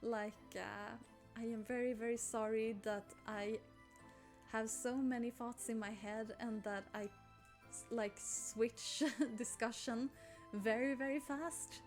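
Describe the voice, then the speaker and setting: Her pitch is on the high side, her intonation fairly even, and her delivery slow and a little mellow. She's a young woman from Sweden with a Swedish accent, a gaming YouTuber rambling casually over her game, apologizing a lot and squealing at cute moments while faint game music plays.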